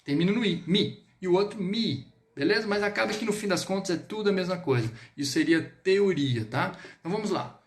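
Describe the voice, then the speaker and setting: Lively Brazilian man teaching French. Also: sits high. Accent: Brazilian Portuguese. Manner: lively, drills words slowly, switches between two languages. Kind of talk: online language lesson.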